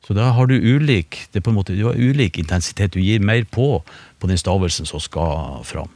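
Low-voiced man explaining patiently. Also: expressive, darkish tone, dry recording. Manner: patient, explanatory, with many fillers and restarts. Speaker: language expert on a radio panel. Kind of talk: explaining on a radio talk show. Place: radio studio.

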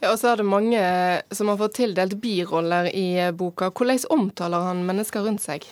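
A woman's voice: mid-range voice, no echo. A woman presenting live radio news as the host, introducing items and putting questions to guests.

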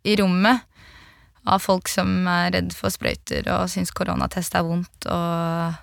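A young woman giving a vivid eyewitness account in an interview, acting out the shouts of people around her. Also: on the low side, flat delivery, creaky, no room sound, studio quality. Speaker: interviewee, partygoer.

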